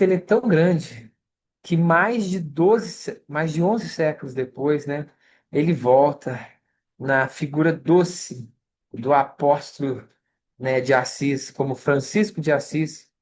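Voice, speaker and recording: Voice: mid-range voice, a little slow, a little mellow, slight background noise. A study group leader with a Brazilian Portuguese accent gives an online scripture lesson over a video call, speaking conversationally and often checking in with listeners.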